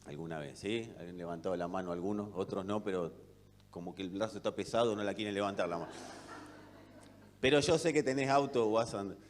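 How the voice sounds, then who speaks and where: A man preaching a sermon with an Argentine accent, asking rhetorical questions and swinging between loud and soft delivery. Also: on the low side, brisk, a little hiss or hum. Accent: Argentine Spanish. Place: church hall. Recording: long reverb of a church hall.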